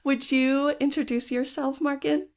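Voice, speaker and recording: A woman's voice: high-pitched, level tone, measured pace. A woman co-hosting a podcast, asking questions in a bubbly, giggly way. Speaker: podcast co-host. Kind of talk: casual interview chat.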